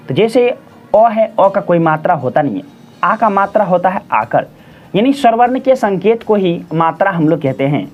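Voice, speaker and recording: A teacher talks through a grammar lesson at a steady middle pitch, repeating definitions and asking questions aloud before answering them. The recording sounds dull and lo-fi, with faint music underneath. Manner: patient, repeats each definition, asks and answers its own questions; addresses listeners as friends and children. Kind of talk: classroom-style grammar lesson.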